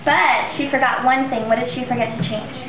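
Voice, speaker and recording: Sweet young princess woman performer, bright and sing-song, coaxing small children through a fairy tale; high voice, muffled sound. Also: steady tone, fairly quick, natural voice. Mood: sweet, storytelling. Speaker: children's party princess entertainer. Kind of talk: interactive storytelling for small children. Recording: dull roomy camera audio, clear background noise. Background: small children at a party.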